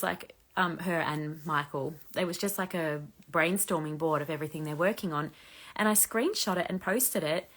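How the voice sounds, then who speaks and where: A woman in her thirties with a low voice, hosting a casual live chat and reading out viewer questions. She rambles in a friendly way, filling her sentences with "like", and now and then lets out a small laugh. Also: a bit bright. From Australia. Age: 30s. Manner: chatty, frequent "like" fillers, laughs lightly. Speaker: host answering viewer questions.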